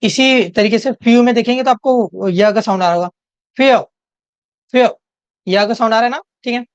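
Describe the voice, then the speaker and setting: Her voice is fairly high, steady and clean: a young woman tutoring English exam prep in Hinglish with an Indian English accent. She reads questions slowly, explains step by step, and repeatedly asks "theek hai?" It's a dry, slightly dull home recording.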